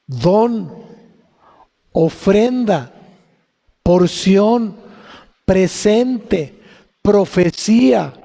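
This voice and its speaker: A high-voiced man with a Mexican accent preaches a sermon, often turning questions to the congregation. His delivery is slow and unhurried, with a mellow, dark tone, and the sound carries a long reverb from a church hall. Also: creaky. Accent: Mexican Spanish. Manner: asks the congregation questions, reads scripture slowly and drawn out.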